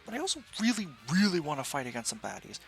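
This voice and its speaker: Man doing an excitable, loud young hero girl. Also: medium pitch, rapid-fire, faint music behind. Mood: dramatic yearning. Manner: loud, dramatic, theatrical. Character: excitable, earnest young girl superhero craving battles.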